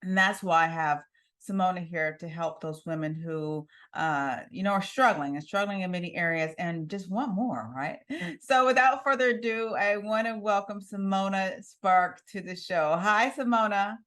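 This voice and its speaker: A woman's voice: mid-range voice, moderate pace, a bit bright. A woman hosting an interview show, introducing her guest with enthusiasm and laughing often. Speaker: TV show host.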